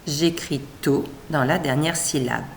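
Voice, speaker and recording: A woman's voice: sits low, measured pace, vocal fry, slight background noise. A woman teacher reading out a scripted reading lesson for young children, splitting words into careful syllables and encouraging the child.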